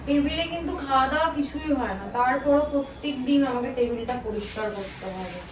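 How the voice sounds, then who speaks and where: A woman's voice: high voice, fast, a crowd in the background. A tired woman chatting casually to her viewers in a home vlog, complaining about chores and lost sleep. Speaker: family vlogger. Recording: echoey room, distant from mic, noisy.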